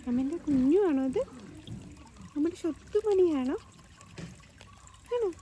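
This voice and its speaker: High, lively woman vlogger. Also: unhurried, a little hiss or hum. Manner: coaxing baby talk to pets, calling out. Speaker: vlog host. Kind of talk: casual walking vlog. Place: outdoors in a home garden.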